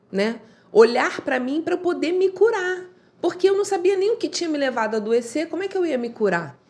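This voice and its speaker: Rich: A woman, probably in her thirties or forties, talks through her life story with earnest, reflective warmth. Her voice sits fairly high, and she slips into short spoken scenes as she tells it. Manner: earnest, reflective, acts out remembered dialogue. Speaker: podcast guest. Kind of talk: heartfelt conversational storytelling.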